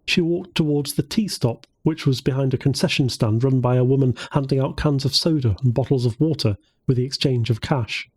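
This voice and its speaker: A man narrating a novel as an audiobook in a steady, even storytelling manner. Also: medium pitch, brisk, few pauses, breathy edge.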